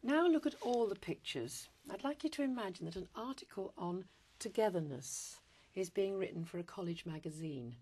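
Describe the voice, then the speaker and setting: A woman examining candidates in a speaking test, asking scripted questions in a measured, formal and polite way. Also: medium pitch, expressive, darkish tone, slightly rough.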